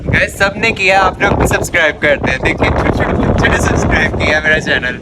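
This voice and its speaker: A man's voice: on the high side, animated, quick pace. A man casually vlogging outdoors on a rooftop in rain and wind, chatting playfully and calling his viewers guys. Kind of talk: casual vlog talk to viewers. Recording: loud wind and rain noise on a phone mic.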